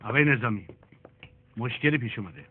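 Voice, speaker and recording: An actor dubbing a cheeky young village servant who mocks the guests. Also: male voice, mid-range voice, lively intonation, breathy edge. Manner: mocking, wisecracking. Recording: tinny phone-like film dub.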